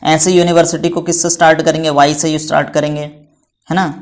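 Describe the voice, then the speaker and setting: A man's voice: fairly high pitch, flat delivery, brisk. Male teacher quizzing young students patiently. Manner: patient, asks questions and answers them himself; calls students "beta" affectionately. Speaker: English teacher. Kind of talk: classroom lesson for children.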